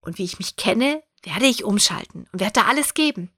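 A woman's voice: medium pitch, lively intonation, a little fast, sharp tone, slightly rough. A woman hosting her own podcast in German, talking casually and expressively and acting out her own thoughts in quoted asides. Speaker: podcast host; photographer and coach. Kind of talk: casual solo podcast monologue.

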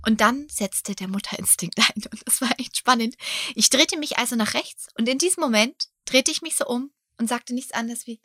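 A woman in her forties, hosting a podcast and telling a personal story in a chatty way, often dropping into hushed near-whispers. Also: fairly high pitch, moderate pace, no room sound, studio quality. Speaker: podcast host.

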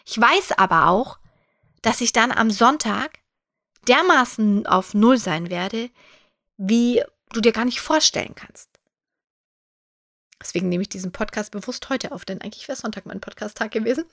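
Expressive German woman podcasting solo. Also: on the high side, normal speed, creaky, pauses often. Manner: chatty and expressive, acts out her own thoughts in quoted asides. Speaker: podcast host; photographer and coach. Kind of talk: casual solo podcast monologue.

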